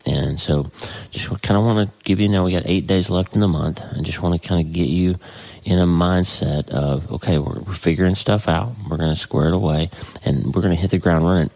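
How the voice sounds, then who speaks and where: A stuffy-sounding middle-aged man with a low, dark voice hosts an easygoing faith podcast from a desk in his home office. He comes across as earnest and folksy, often starting sentences over. The recording is rough but free of echo.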